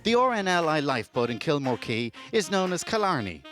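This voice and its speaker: A man's voice: a little high, big pitch swings, a little fast, a bit bright. A man reading scripted narration as a television reporter. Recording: voice-over with clear music bed.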